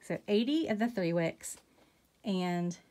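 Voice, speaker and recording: A chatty woman runs through a long list, one item after another, with plenty of fillers. Her voice sits at an ordinary middle pitch, and she sounds a little out of breath. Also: lively intonation, slow pace, warm tone. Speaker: candle collection vlogger. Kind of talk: casual chat, listing items.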